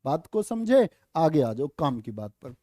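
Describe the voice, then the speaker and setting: A male Hindi teacher giving an exam-prep lesson, quizzing students with rhetorical questions, joking asides and slow, careful pronunciation drills. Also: a little high, sing-song, warm tone, no room sound, clean studio sound.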